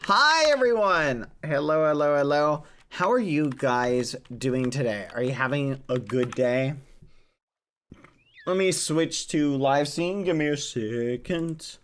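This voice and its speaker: A woman's voice: low voice, takes it slowly. A woman streamer chatting casually on a livestream in a cute, perky anime-streamer manner.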